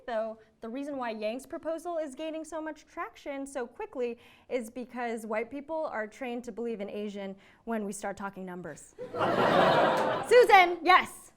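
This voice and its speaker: Sassy high-voiced woman news host. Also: a bit bright. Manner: sassy, punchy, laughing between jokes. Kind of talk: scripted comedy news delivery.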